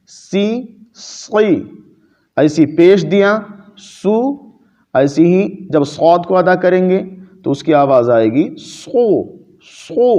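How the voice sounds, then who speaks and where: A man's voice: on the high side, mellow. Man teaching recitation, dull lo-fi sound. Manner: explains patiently, drawing out letter sounds as examples. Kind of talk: religious lecture on pronunciation. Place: mosque. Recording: dull lo-fi recording.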